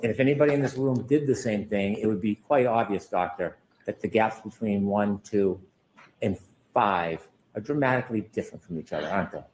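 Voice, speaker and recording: A man's voice: fairly low pitch, a little fast, a little mellow, slight background noise, low-quality recording. A man cross-examining a witness in a courtroom as a lawyer, pressing and sceptical, often ending statements with pointed tag questions.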